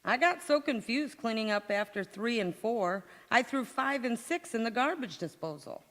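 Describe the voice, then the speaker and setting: A woman with a fairly high, slightly bright voice and lively intonation speaks at a normal speed. She performs live in a large, echoey hall on a community theatre stage, playing a frazzled, hapless housewife in golden-age radio sitcom style. Swamped by a cooking disaster, she alternates dry comebacks with flustered wailing, her mood a frazzled deadpan.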